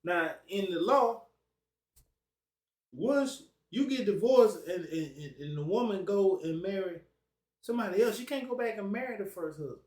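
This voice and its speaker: A man's voice: high-pitched, moderate pace, darkish tone. Slangy preaching man in an echoey room. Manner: preaches in loose everyday slang, reads scripture aloud. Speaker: Bible teacher. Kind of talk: informal Bible study sermon. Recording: echoey room, distant from mic.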